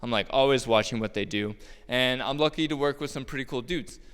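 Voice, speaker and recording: A man's voice: mid-range voice, brisk, a bit bright, clean tone. A man telling a personal story about his roofing work on stage, casual and joking, with many fillers. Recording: long hall reverb.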